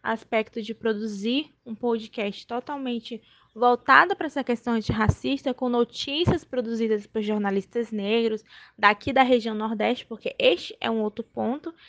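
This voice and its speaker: A woman journalist talks through her podcast work earnestly and conversationally. Her voice sits a little high, and she often doubles a word while she gathers her thoughts. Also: normal speed, a bit bright, dull audio. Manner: earnest, repeats words while thinking. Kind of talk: conversational interview answers.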